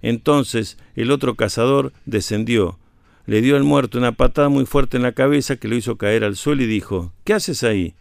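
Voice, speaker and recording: A man reads a folk tale aloud at a measured pace. His voice is gravelly, and the recording is dry and close, with no room sound. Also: mid-range voice, dry recording. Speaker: storyteller.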